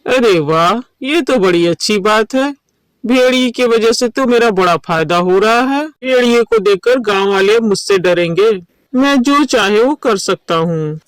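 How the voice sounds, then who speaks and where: A man's voice: sits high, animated, unhurried, clean tone, no echo. A man voicing a poor village man who turns greedy, in a cartoon story with an emphatic, pleading manner. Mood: gleeful. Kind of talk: cartoon voice acting.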